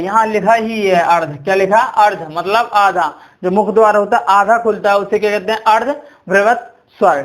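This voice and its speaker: A man's voice: high-pitched, fairly bright tone. A man teaching a grammar lesson, quizzing his listeners and repeating key points with "ठीक है". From India. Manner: repetitive, quizzing with "ठीक है" and "कितने होते हैं?".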